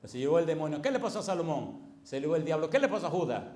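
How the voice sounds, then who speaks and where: Teaching a class for preachers, a pastor tells animated stories, acting out dialogue and firing rhetorical questions at his listeners. His voice is a little high, he talks very fast, and the audio is reverberant.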